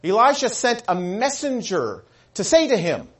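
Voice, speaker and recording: A male pastor delivers a sermon in a high voice that swings widely in pitch. He tells the story with animated energy, dropping in and out of quoted voices as he goes. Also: moderate pace.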